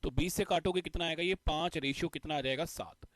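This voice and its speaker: A man's voice: on the high side, a little fast, a bit bright, no echo. A male teacher explaining a math concept step by step, repeating the key points. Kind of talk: exam-prep math lesson.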